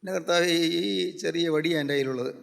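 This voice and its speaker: A man's voice: on the high side, fairly even intonation, quick pace, creaky, pitched below the performer's own voice. A man preaching voices Moses as a desperate leader praying to God for a way out. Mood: humble. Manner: pleading, preacher's retelling. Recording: long hall reverb.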